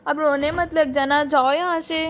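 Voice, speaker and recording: A woman voicing a protective, quick-tempered young man doll in a toy story, speaking in a bright high voice. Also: steady tone, a little hiss or hum. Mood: defensive. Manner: scolding, then defensive.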